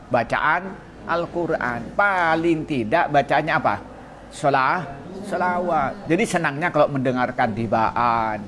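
A man's voice: medium pitch, a bit bright, slight background noise. A man from Madura giving a casual religious lesson. He asks his listeners questions, answers them himself, and reads out Arabic quotations. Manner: mixes Arabic quotations into the talk. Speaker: Islamic religious teacher.

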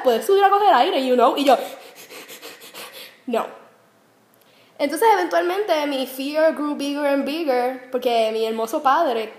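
A young woman vlogging to camera, telling a story in a chatty, self-mocking way with lots of fillers. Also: high-pitched. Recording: roomy echo.

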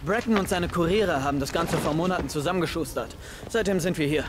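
A man's voice: fairly high pitch, fast, close to an everyday voice. An actor playing a brash young male survivor leader in a video game, curt, impatient and sarcastic. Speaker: game character. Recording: game audio with clear background noise.

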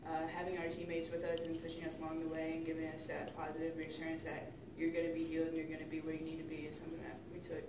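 A young woman college basketball player answering reporters, soft-spoken and dotted with fillers. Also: deep voice, monotone, rapid-fire, hardly any pauses. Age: young adult. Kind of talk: press conference answers. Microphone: handheld mic heard from a far camera. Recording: distant, echoey, hissy.

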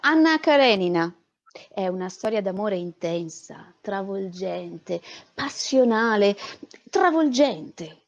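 A woman reading aloud and voicing an aloof, dreamy older woman with a drawn-out, swooning delivery. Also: medium pitch, very animated. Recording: dull lo-fi audio.

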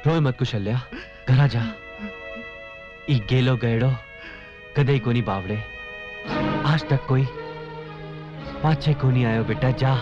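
An actor playing a kindly old village holy man with a Rajasthani accent, chanting and consoling in a slow, soothing way. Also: medium pitch, natural voice. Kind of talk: devotional film acting. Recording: dull lo-fi film soundtrack. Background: devotional music.

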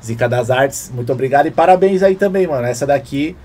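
A man hosting a music reaction video, talking casually and excitedly in heavy slang. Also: medium pitch, fast. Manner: excited, slangy, keeps saying "mano". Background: hip hop track playing faintly.

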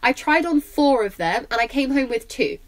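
A young woman talks through a shopping haul in a casual vlog, gushing enthusiastically over everything she picked up. Her voice sits fairly high. A blocked nose leaves it slightly croaky. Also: expressive, moderate pace. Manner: gushing, enthusiastic, lots of "I love". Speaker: vlogger.

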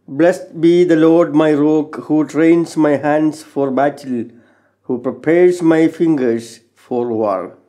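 Slow, mellow-voiced man reading scripture. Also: a little high. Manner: measured, formal recitation. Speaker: lector at Mass. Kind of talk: solemn scripture and psalm reading. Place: small chapel, indoors. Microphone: gooseneck lectern microphone.

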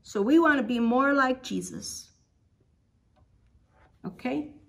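Woman doing a kids bible lesson, kinda high voice, slow and gentle, asks the kids lots of questions. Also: expressive, gravelly. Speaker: children's program leader.

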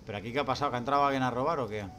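A man's voice: mid-range voice, very fast, fairly bright tone. A man with a Spanish accent from Spain giving casual, jumpy, scared commentary as he streams a horror game. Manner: scared, jumpy, muttering nervous reactions and exclamations. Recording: game music behind the voice. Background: video game music.

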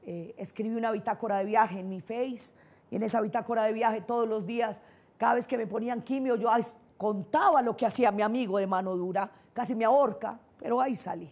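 Husky-voiced paisa woman, middle-aged. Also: on the high side, a little fast, darkish tone. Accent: Colombian paisa. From Colombia (Antioquia). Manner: personal storytelling, emphatic and candid. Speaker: neurolinguistic programming trainer, speaker. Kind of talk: motivational conference talk.

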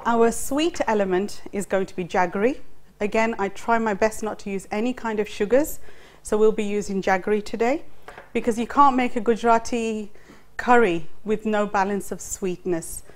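Speaking at a moderate pace in a mid-range voice, a middle-aged woman demonstrates a recipe on a studio kitchen set, explaining every step into her lapel mic. Faint clatter of pots and utensils can be heard behind her.

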